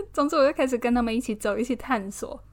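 A woman from Taiwan with a Taiwanese Mandarin accent hosts a podcast, chatting casually and expressively about personal things and laughing often. Her voice is a little high, a little fast, and lively in intonation.

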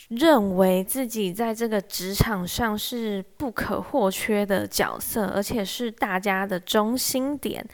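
A young woman, telling a story in a casual monologue. Her voice sits at an ordinary middle pitch. She sounds wry and exasperated, and she acts out the lines of the people in her story. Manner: animated, wry and exasperated, acts out quoted speech. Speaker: office worker telling a story.

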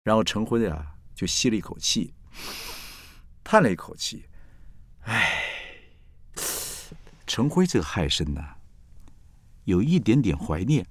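A man with a very low voice tells a story from his own life in a lively, teasing way. His pitch swings widely as he acts out the conversations. The sound is dry and close. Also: no echo. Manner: lively, plays out the dialogue with friendly teasing. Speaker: host and storyteller. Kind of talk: first-person anecdote storytelling.

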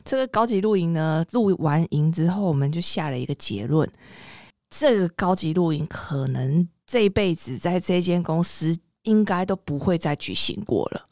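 A woman with a Taiwanese Mandarin accent telling a story in casual podcast chat, animated and expressive. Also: fairly low pitch, moderate pace, no echo, clean studio sound. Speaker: podcast co-host.

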